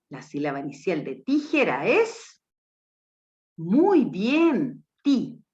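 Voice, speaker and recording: A woman teacher giving a recorded phonics lesson to young children, slow and emphatic, her voice rising to cue and praise them. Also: medium pitch. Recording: dull lo-fi sound.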